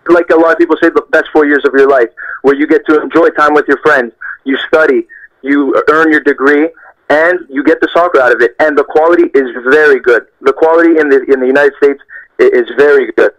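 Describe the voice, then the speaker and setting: This young adult from Canada, a professional footballer, speaks earnestly in a phone interview with a muffled line, telling reflective stories. His voice sits on the high side, brisk and fairly even in intonation, and he repeats phrases to drive points home.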